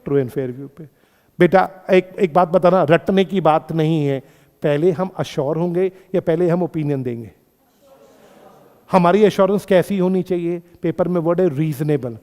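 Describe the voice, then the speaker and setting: High-voiced man lecturing a class. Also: warm tone, big-room sound. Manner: asks students questions and repeats key phrases slowly; addresses students as beta and friends. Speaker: accountancy teacher.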